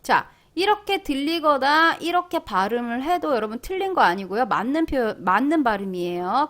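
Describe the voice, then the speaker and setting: A young woman teaching a language lesson online, playful and lively, drawing out sounds slowly and loudly as she models them. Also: on the high side. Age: young adult.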